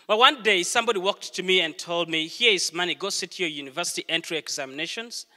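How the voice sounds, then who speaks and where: A middle-aged Ugandan man delivers a sermon in a church, his bright, ringing voice echoing with a long hall reverb. His register sits fairly high, and he tells stories earnestly, pausing deliberately between phrases.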